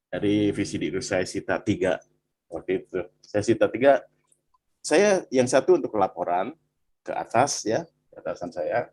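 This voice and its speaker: A man from Bandung, telling his personal testimony in animated conversation and often addressing the listener as "Pak". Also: lowish voice, normal speed, slightly rough. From Bandung, Indonesia. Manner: animated storytelling, frequent "Pak" and "gitu".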